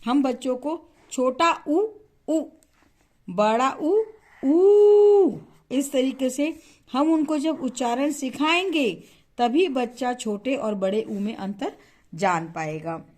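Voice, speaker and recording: A woman teaching how to write and pronounce vowels, asking questions and answering them herself, and stretching the sounds to show them. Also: sits high. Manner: slow, patient, asks questions then answers them; stretches vowels to model pronunciation. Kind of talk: instructional lesson.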